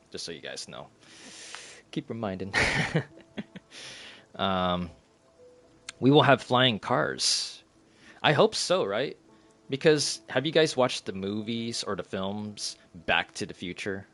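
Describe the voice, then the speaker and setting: Thirties male streamer, loose chatty talk, frequent laughs, fairly low pitch. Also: big pitch swings, takes it slowly, pauses often, fairly bright tone. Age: 30s. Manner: rambling, laughs often, reads chat aloud. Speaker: live streamer. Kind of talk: casual live-stream chat.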